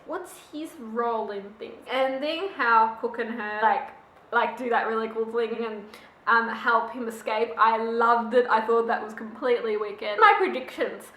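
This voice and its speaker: A young woman chatting casually about a book she read, animated and opinionated. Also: a little high. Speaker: book vlogger. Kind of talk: casual book review chat. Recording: echoey room.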